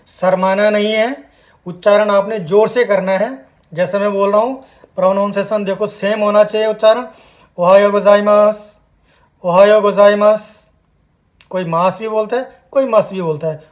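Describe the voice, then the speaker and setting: A man teaching a spoken language lesson, repeating words slowly and emphatically for learners to copy. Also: high-pitched, a little mellow. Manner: slow, emphatic repetition of words.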